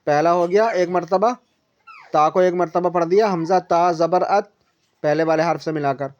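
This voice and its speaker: A woman's voice: lowish voice, fairly even intonation, a little mellow. A woman teaching a one-on-one Quran reading lesson, explaining patiently, repeating points, quizzing her pupil and stretching syllables out to demonstrate. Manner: patient, repetitive explaining with questions. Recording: dull lo-fi recording.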